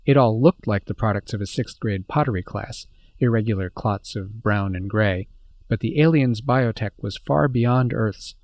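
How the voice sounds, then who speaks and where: Gravelly man narrating sci-fi. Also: fairly low pitch, a little mellow, no room sound. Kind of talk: scripted narration of a science fiction story.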